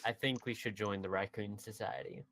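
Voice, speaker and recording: Teen guy chatting with friends, laughs a lot, restarts sentences, lowish voice. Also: fairly even intonation, moderate pace, fairly bright tone. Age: teens. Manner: giggly, repeats starts. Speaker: podcast co-host. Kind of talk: casual chat.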